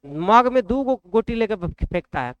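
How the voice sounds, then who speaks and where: A man's voice: sits high, lively intonation, unhurried, clean tone, dry recording, dull audio. A man with a Bihari accent teaching a math class in a colloquial way, often asking the class questions. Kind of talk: blackboard lesson.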